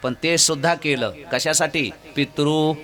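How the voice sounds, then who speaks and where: A man preaching a devotional storytelling sermon, animated and often putting questions to his listeners. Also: on the high side, unhurried. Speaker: kirtan preacher.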